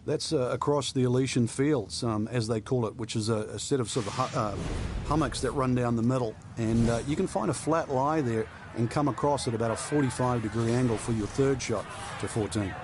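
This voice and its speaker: A man's voice: medium pitch, brisk, hardly any pauses. A man giving unscripted, explanatory golf commentary as an analyst during live coverage. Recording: clear outdoor background noise.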